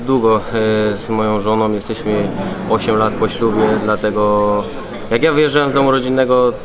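A man in his thirties, a footballer, answering interview questions in a hotel room, pausing often with fillers. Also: on the low side, steady tone, noisy background. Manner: hesitant, many pauses and fillers. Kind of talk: casual interview.

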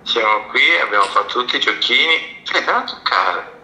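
A man's voice: mid-range voice, expressive, a little fast, pushed and bright. Playful man on an echoey speakerphone. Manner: playful, teasing. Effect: heard over a phone on speakerphone. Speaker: partner of the vlogger. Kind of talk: casual phone chat.

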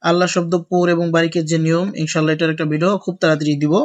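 Male Quran tutor with a somewhat high, even-toned voice; drills letters slowly, then explains quickly. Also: highs cut off. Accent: Bangladeshi Bengali. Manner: slow, drawn-out recitation alternating with brisk explanation. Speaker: Quran recitation teacher. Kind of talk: spelling-out Quran lesson.

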